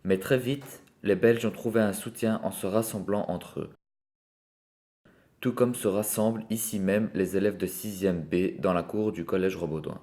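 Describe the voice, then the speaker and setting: A man reads a scripted narration in a steady, informative tone. His voice sits fairly low. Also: normal speed.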